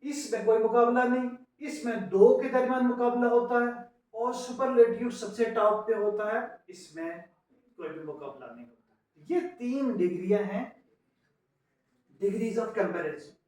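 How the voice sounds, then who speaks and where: A man with a high-pitched voice gives an unhurried grammar lesson, spelling out word endings letter by letter. He is recorded from well away from the mic, in a very echoey room. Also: darkish tone, far from the mic. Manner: explains slowly, spelling words out letter by letter; mixes English terms into his explanations. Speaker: English grammar teacher. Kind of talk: classroom lecture.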